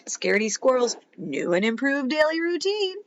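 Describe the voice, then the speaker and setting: A teacher reads a children's picture book aloud in a high, very animated voice, making it dramatic and playful with emphatic pauses and whispers. There's a slight hiss or hum in the background.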